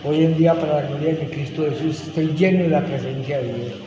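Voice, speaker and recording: Middle-aged man, earnest testimony, slightly high voice, reverberant hall, faint noise. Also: fast, highs cut off. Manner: earnest, emotional storytelling with quoted dialogue. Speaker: testimony speaker at a rehab ministry. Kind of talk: personal testimony.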